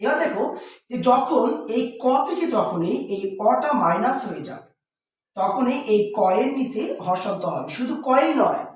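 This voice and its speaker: A man teaches pronunciation rules step by step, posing questions and answering them himself. His voice rings out in a strongly echoing room with a faint hiss underneath. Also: extremely high pitch. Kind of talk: explaining pronunciation rules to students. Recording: very echoey room with faint noise.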